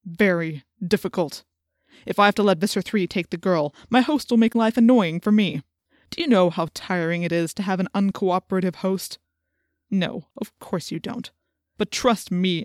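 A cruel, menacing man whose mind is held by an alien parasite, as a woman puts him on for an audiobook. He snaps out threats and orders in a lowered, darker tone. The recording is close and dry. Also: moderate pace, no room sound, close to an everyday voice. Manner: threatening, snapping commands. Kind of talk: audiobook character voice.

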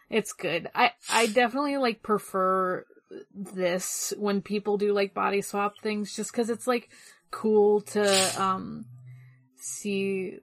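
A woman's voice: medium pitch, creaky, fairly bright tone. A woman co-hosting a podcast, chatting casually and rambling with lots of "like" fillers. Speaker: podcast co-host. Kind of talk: casual chat.

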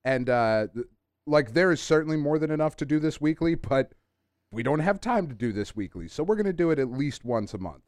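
Higher-voiced man hosting a casual podcast. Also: animated, brisk, a little mellow, dry recording, studio quality. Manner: profane, enthusiastic fan talk. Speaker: podcast host. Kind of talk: casual chat.

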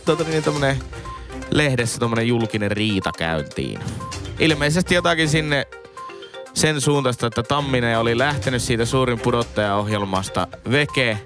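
A man co-hosts a casual podcast in a teasing, chatty way. His voice sits at a middle pitch. Music plays clearly behind him. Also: animated. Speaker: podcast co-host.

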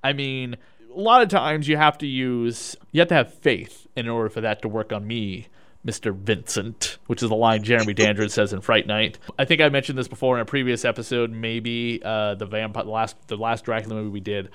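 Male podcast co-host, smooth clear voice, animated movie recaps, casual. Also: mid-range voice, fairly quick. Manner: animated, retells scenes and reads plot summaries.

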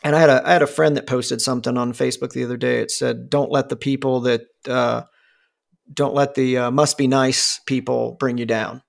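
Gravelly and brisk, this forties-aged man speaks at medium pitch with fairly even intonation. It's casual conversation full of rambling, fillers, restarts, and frequent cursing.

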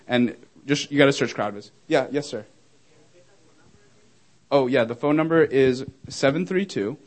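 A young man presenting his product to a live group of users and answering their questions. He talks casually and warmly, with plenty of fillers, and laughs easily. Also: medium pitch, unhurried. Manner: friendly, chatty, laughs easily, many fillers. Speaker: startup founder presenting to users.

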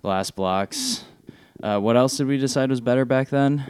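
A man's voice: mid-range voice, moderate pace, a little mellow, clean tone, dry recording, clean studio sound. A man co-hosting a casual film chat, rambling and jokey with plenty of slang. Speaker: podcast co-host. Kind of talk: casual banter about films and nostalgia.

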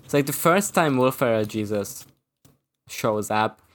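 A man talks through a movie review in loose, halting sentences, stopping and restarting his thoughts with plenty of "uh" and "like". It is relaxed podcast chat between two co-hosts. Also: medium pitch. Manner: halting, full of fillers and restarts. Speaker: podcast co-host.

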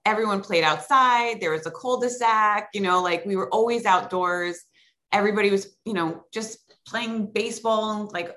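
Speaking as a podcast guest by remote call, this middle-aged Long Island, New York woman keeps the interview casual and full of likes and ums. Her mid-range voice sounds pushed and bright.

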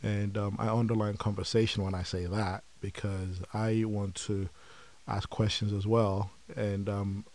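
A middle-aged Nigerian company founder is a reflective guest in a conversational podcast interview. His voice is low and warm with little pitch movement, and he speaks in a measured way, often saying "um."

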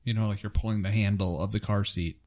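A man's voice: lowish voice, steady tone, quick pace, a little mellow. A tired young man, a new father of twins, chatting casually on a podcast and rambling with lots of fillers. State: exhausted, yawning. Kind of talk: casual chat.

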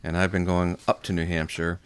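Middle aged guy on radio, low smooth voice, kinda halting casual chat, close dry mic. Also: little pitch movement, no room sound. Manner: halting, thinking aloud while browsing. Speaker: radio show co-host. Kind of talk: casual money-advice chat.

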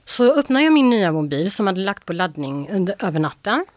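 Lively woman telling a story, dry sound. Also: mid-range voice, no echo. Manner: lively, quotes people with "I was like" and acts them out. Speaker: actress, podcast guest. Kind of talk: casual storytelling in a podcast interview.

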